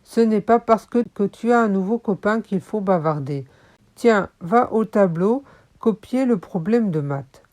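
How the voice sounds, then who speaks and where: A woman voicing a flustered female schoolteacher who stammers and keeps clearing her throat, in a children's audiobook. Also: mid-range voice, animated, unhurried, a little mellow, lightly acted. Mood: scolding. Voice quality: hesitant, stammering.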